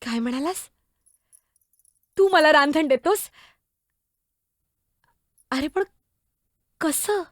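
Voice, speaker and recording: A woman performing a one-woman stage drama, playing a spirited young girl saint who is devoted to her brothers, blunt and sharp-tongued, pleading and expressive as she speaks to people who are not there. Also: high voice, drawn-out words, long pauses, no room sound, clean studio sound, exaggerated voice. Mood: tender.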